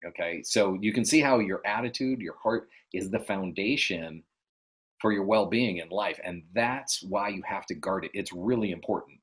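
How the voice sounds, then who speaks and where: A man's voice: deep voice, moderate pace, breathy edge. A man giving earnest, encouraging motivational advice as a life coach, repeating his key phrases. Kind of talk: motivational podcast talk. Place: New York City.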